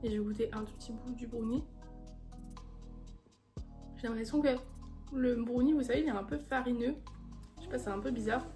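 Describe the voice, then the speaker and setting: A young woman talks through her shopping finds in a relaxed, chatty vlog, gushing over each item. Her voice sits a little high, and clear background music runs under her talk. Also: fairly quick, pauses often. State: a little out of breath. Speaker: vlogger. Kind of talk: casual haul vlog.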